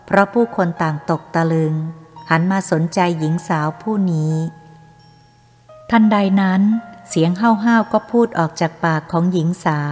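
A woman's voice: fairly low pitch, a little mellow. Woman narrating a ghost story. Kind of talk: scripted narration of a ghost tale. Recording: long reverb with faint music.

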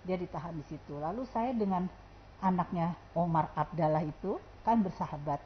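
A woman's voice: lowish voice, normal speed, lo-fi sound, slight background noise. A woman, telling a story as an interview guest and acting out what people said in different voices. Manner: lively, acts out quoted dialogue with shifting voices. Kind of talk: animated storytelling.

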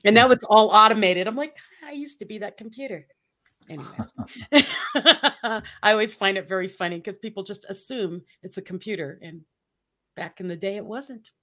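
A woman's voice: medium pitch, normal speed, pushed and bright. A woman in her fifties hosting a talk show, upbeat and laughing often as she chats. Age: 50s. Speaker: host. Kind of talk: casual talk show chat.

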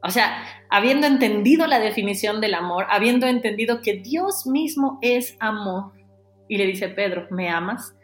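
A woman preaching a sermon, animated, acting out the dialogue in a lowered voice. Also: moderate pace, roomy sound.

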